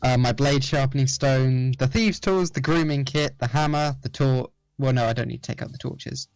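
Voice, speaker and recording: A man playing his character in a tabletop game over voice chat, chatty and pausing as he lists his gear. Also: mid-range voice, creaky, a little mellow, no echo, low-quality recording. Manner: chatty, listing items with pauses. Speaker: player.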